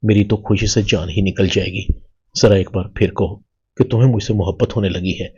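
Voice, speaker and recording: A man reading the lines of a happy, devoted young husband with eager, playful delivery and a husky voice. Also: fairly low pitch, steady tone, mellow, highs cut off.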